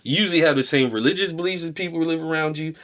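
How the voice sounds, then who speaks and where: Relaxed man explaining step by step. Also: fairly high pitch, racing. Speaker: podcast co-host. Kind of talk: casual conversation.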